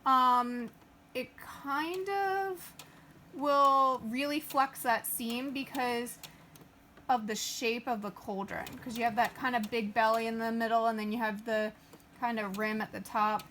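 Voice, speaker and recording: Woman, high voice, casual craft tutorial, chatty, filler-heavy, faint background noise. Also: fairly even intonation, measured pace, sharp tone. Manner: chatty, filler-heavy, talks through each step as she works.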